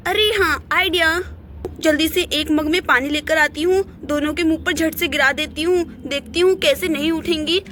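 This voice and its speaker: A nagging, exasperated middle-aged doll aunt, voiced by a woman in a doll play story. The voice sits very high and sounds bright and sharp as she scolds. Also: fairly even intonation, normal speed, a little hiss or hum. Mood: scheming.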